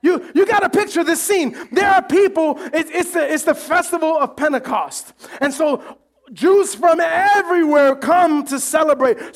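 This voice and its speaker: A pastor preaching a sermon with animated delivery, joking and acting out the voices of the crowd. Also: male voice, very high voice.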